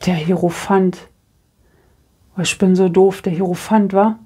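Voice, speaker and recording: German woman, middle-aged, tarot reader: casual, self-deprecating, animated chat. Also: medium pitch, unhurried, slightly rough.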